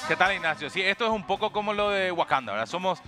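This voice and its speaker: A man's voice: high-pitched, expressive, fast talker, loud music behind the voice. A man with a Paraguayan accent hosting a satirical comedy show, reading out viewer comments with sarcastic, mock-serious asides. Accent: Paraguayan Spanish.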